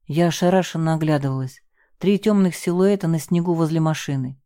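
Low, dark-voiced woman narrating a story. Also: brisk, no echo, clean studio sound. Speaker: audiobook narrator. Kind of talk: first-person audiobook narration.

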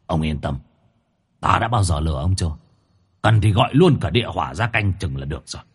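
A man's voice: low-pitched, animated, a little fast, breathy edge, voice pushed down, full character voice. A man voicing a sly, smug old male fire spirit who talks offhandedly.

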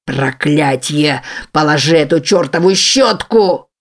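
A woman voicing a brutal, monstrous man, speaking slowly and menacingly and breaking into shouts. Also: sits low, fairly even intonation. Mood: raging.

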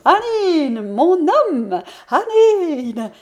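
A woman reading aloud and voicing a proud, sharp-tongued country mother who scolds defiantly and with emphasis. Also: medium pitch, unhurried, close to an everyday voice. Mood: exclaiming. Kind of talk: audiobook character reading.

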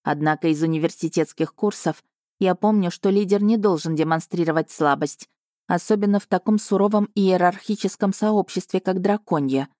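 A woman narrating a first-person fantasy novel in an even, measured storytelling way. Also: on the low side, dry recording, studio quality. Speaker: audiobook narrator.

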